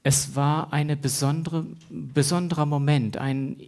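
Prediger, männlich, ruhig und gemächlich, liest die Schrift vor, kleine Versprecher. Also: male voice, on the high side, little pitch movement, a little mellow. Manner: unhurried, reads scripture aloud with small slips. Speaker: preacher. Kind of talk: sermon.

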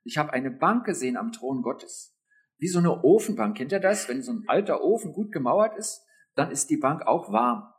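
A man preaching a sermon in a lively, intimate way, speaking straight to his listeners. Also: a little high, moderate pace.

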